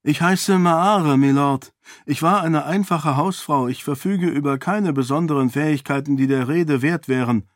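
A man's voice: fairly high pitch, normal speed, dry recording, clean studio sound, pitched above the performer's own voice, natural voice. A man voicing a timid humble housewife. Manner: deferential, modest. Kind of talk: audiobook character voice.

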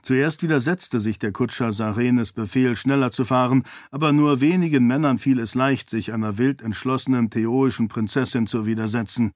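Male audiobook narrator, mid-pitched, steady and measured, dry studio sound. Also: no room sound. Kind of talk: scripted fantasy narration.

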